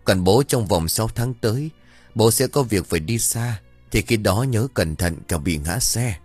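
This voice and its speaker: Một người đàn ông đọc lời hồn ma cậu bé chết đuối nhập vào bà đồng, giọng buồn bã, dặn dò. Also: male voice, fairly low pitch, animated, normal speed, slightly rough, no echo, faint music behind. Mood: sorrowful. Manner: mournful, gently admonishing. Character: drowned boy's ghost speaking through an old woman.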